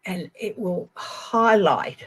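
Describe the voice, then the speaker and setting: Husky Australian woman reading tarot. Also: on the low side, animated, slow, poor audio. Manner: gentle, chatty, addresses viewers by name. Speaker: tarot reader. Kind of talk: live-stream tarot reading.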